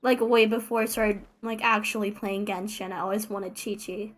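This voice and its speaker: A woman's voice: medium pitch, level tone, normal speed. A woman streaming a game live, chatting casually in a rambling, self-mocking, joking way. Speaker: VTuber streamer. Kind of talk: casual live gaming chat.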